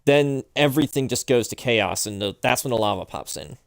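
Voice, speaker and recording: A man's voice: medium pitch, brisk, gravelly, no room sound. A man chatting casually as he plays a video game, explaining how things work in an informal way. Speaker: gamer playing online matches. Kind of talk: casual gaming chat, explaining game mechanics. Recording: music playing behind the voice. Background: music.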